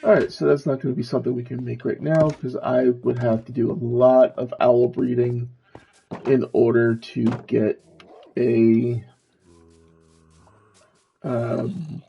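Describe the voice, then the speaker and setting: A man streaming a video game, slowly talking himself through what he is doing in casual commentary. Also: mid-range voice, flat delivery, gravelly, dull audio, a little hiss or hum. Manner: slow, musing, talks to himself while playing.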